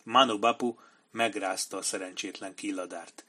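A man reading an adventure novel aloud in a measured, dramatic narration style. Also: fairly low pitch, steady tone, bright, forceful tone. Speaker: audiobook narrator. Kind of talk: scripted narration.

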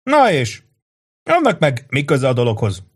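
A man reading an audiobook, voicing a loud, joking young soldier who shouts and teases his buddy. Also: mid-range voice, huge pitch swings, breathy edge, voice pushed up. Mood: boastful. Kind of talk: audiobook character voice.

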